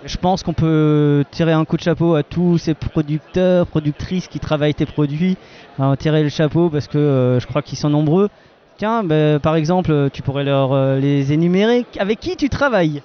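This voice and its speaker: Jokey high-voiced male festival interviewer. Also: smooth. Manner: jokey, teasing, halting with many fillers. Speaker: festival podcast host. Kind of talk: roving interview at an outdoor wine festival. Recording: muffled lo-fi recording.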